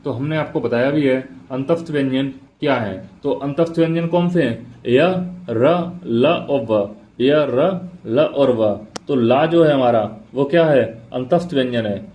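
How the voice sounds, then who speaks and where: A man's voice: mid-range voice, a little slow, hardly any pauses, dark tone. Male teacher, mid-range voice, runs a quiz-style exam prep lecture and drills each answer twice. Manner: asks the class questions then answers them himself, repeats key points.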